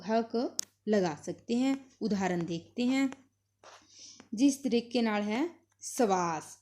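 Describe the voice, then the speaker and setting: A woman's voice: a little high, mellow. A woman teaching a grammar lesson, saying each example word twice for practice and switching between Hindi and as she explains. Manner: mixes Hindi and Punjabi while explaining.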